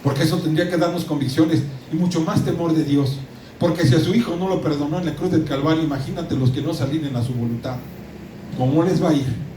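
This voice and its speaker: A middle-aged Mexican man preaches with insistent emphasis, repeating and restarting his words, his voice sitting a little high. He sounds distant from the mic in a roomy, echoing hall with steady ambience behind him. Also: quick pace, slight background noise. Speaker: pastor. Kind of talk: sermon.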